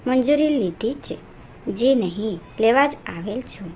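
A woman reading the lines of a calm, steadfast young man in a storybook narration, respectful and composed. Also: fairly high pitch, a little slow, slight background noise. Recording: narration over music.

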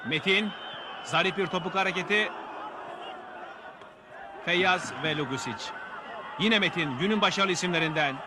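A man narrating football match highlights as the commentator. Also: moderate pace, pauses often. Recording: loud crowd noise behind, noisy outdoor audio. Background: stadium crowd.

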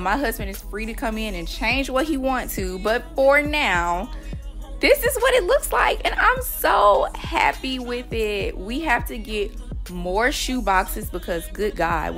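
A young woman chatting to her phone camera in a parked car, casual and expressive with slangy asides. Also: medium pitch. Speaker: lifestyle vlogger. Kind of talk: casual vlog narration. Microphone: phone camera at arm's length.

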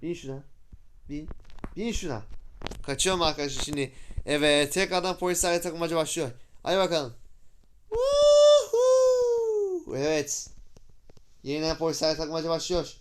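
Excitable young man whooping over gameplay. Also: fairly high pitch, brisk, clean tone. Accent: Turkish. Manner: excitable, whooping loudly at stunts. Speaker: gameplay YouTuber. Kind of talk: casual gameplay commentary.

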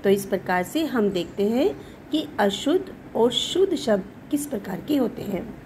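A woman teaching a recorded Hindi grammar lesson, saying each word slowly, often twice, and clearing her throat now and then. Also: a little high, animated, darkish tone, a little hiss or hum. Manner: slow, careful, repeats each word for pronunciation.

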